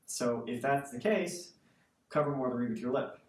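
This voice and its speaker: A man's voice: medium pitch, normal speed. A man giving a casual instructional explanation as a music teacher, conversational and often checking in with the listener. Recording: roomy, distant mic, faint noise.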